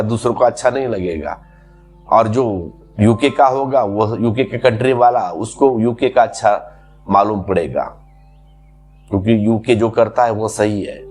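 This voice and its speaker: A man's voice: on the low side, darkish tone. A man giving a spiritual discourse as a teacher, explaining patiently through repeated everyday examples.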